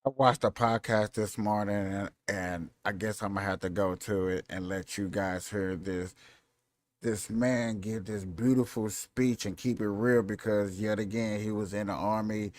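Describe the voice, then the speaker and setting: A man's voice: on the low side, steady tone, normal speed, dry recording. A man hosting a casual commentary vlog, rambling and repeating himself as he talks over clips. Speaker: vlog host.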